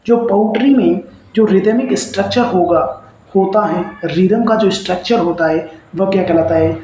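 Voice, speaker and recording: A man's voice: high-pitched, normal speed, dark tone, a little hiss or hum. A man teaching a lesson, who asks questions and answers them himself. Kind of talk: lecture on poetic meter. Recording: echoey room.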